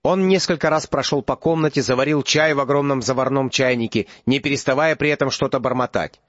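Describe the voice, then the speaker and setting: A man narrating an audiobook, steady and even. His voice sits mid-range. The sound is dry and close, a little dull and lo-fi. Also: medium pitch, a little fast, dry recording. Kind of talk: scripted narration.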